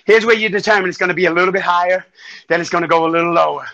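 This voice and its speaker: Hyped up guy fitness instructor, high voice, out of breath, counting reps and yelling encouragement, kinda muffled stream audio. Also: rapid-fire. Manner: energetic, calls out counts and encouragement; breathing hard while exercising. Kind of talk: live workout coaching. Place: home workout space.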